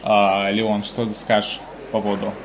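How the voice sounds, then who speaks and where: A man's voice: lowish voice, completely flat delivery, moderate pace, slight background noise. A man giving live commentary on a combat sports bout as the lead commentator. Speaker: fight commentator. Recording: roomy echo, music behind.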